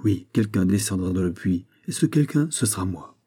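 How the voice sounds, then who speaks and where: A man reading aloud, voicing an anxious old gentleman tutor in agitated, raised tones. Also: low voice, lively intonation, normal speed, breathy edge. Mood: fretful.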